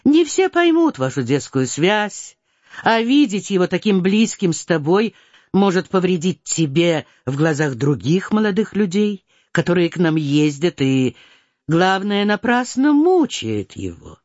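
A woman reading a storybook voices a gentle, amused older countess mother, speaking low and calm. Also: unhurried, dry recording. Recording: slightly dull dry recording.

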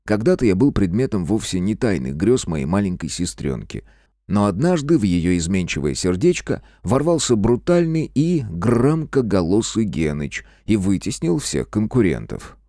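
A man narrating a first-person audiobook in a wry, expressive way. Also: fairly low pitch, normal speed, dry recording, clean studio sound.

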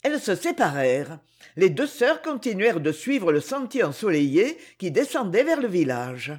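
A woman reading a novel aloud in a measured, expressive way. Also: on the low side, husky. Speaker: audiobook reader.

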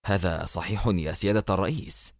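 A man voicing a deferential male war minister, speaking low, hushed and respectful. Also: quick pace, dry recording, studio quality.

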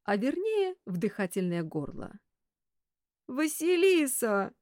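A woman narrating an audiobook in an expressive, animated way. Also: mid-range voice, moderate pace, no echo, studio quality. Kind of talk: audiobook reading.

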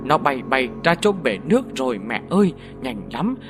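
A man's voice: mid-range voice, sing-song, normal speed, music in the background, lightly acted. A man voicing a frightened young sister-in-law, stammering and breathless. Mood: terrified.

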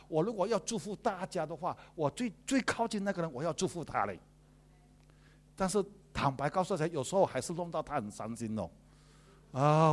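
A man, a pastor preaching a sermon in a lively, joking way. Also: fairly high pitch.

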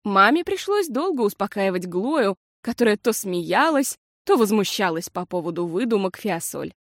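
A woman narrating a children's storybook in a lively, expressive reading. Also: mid-range voice, normal speed, no room sound, studio quality.

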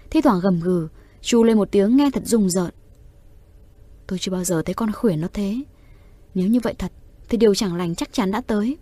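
A woman reading a horror story aloud in a steady, suspenseful voice. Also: medium pitch, dry recording. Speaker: narrator. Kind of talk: audio horror story narration.

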